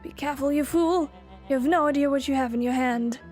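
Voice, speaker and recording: A woman voicing a scheming villain in a child's body from a story game, pompous and condescending, speaking with slow theatrical menace. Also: high-pitched, darkish tone, natural voice. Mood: cold menace. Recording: music playing behind the voice.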